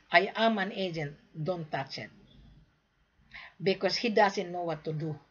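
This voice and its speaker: A Philippine-born gold sales agent speaks directly to camera, lecturing traders emphatically and repeating her points. Her fairly low voice is fairly bright and slightly rough, and the audio has its highs cut off.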